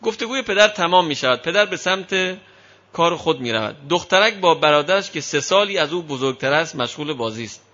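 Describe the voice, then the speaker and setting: In a dull, lo-fi recording, a man whose voice is fairly high and bright lectures an audience on child upbringing. He turns his points into animated stories and quotes both parents and children along the way.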